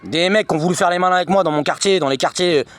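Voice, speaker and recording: Fast, lively high-pitched man ranting. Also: shouting, a little hiss or hum. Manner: agitated, repetitive, slangy retelling. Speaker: vlogger recounting personal experiences. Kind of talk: personal storytelling monologue.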